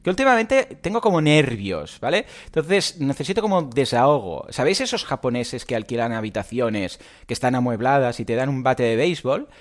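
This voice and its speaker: A man hosting a live podcast chat, animated and prone to loud playful outbursts. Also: medium pitch, a little fast, few pauses. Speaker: podcast host.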